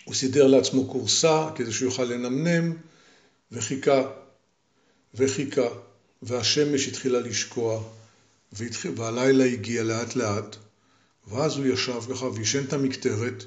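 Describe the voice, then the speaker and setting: Give me an older grandfather storyteller, deliberate and repetitive, recorded in a roomy, echoing space. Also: medium pitch.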